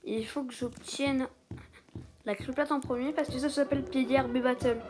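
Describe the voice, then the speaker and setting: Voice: sits high, fairly even intonation, moderate pace. A young person giving casual, rambling gameplay commentary in an exasperated, self-conscious way. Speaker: gaming video creator, player. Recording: music behind the voice.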